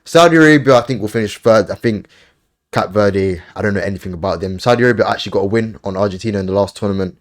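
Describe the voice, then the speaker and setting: A man hosting a casual football podcast, briskly running through lists and giving offhand opinions. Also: fairly low pitch. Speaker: podcast host.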